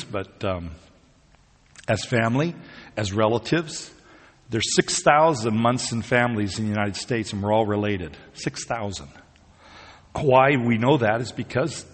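A man's voice: lowish voice, husky, big-room sound. A man preaching a sermon, talking conversationally and rising to emphatic peaks. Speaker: pastor.

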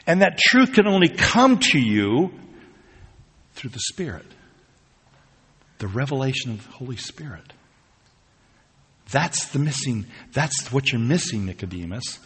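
A man with a husky, breathy voice preaches in a church hall. His words ring out with a long reverb tail as he moves from easy conversational asides to emphatic, rising declarations. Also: medium pitch, a bit bright. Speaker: pastor. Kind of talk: sermon.

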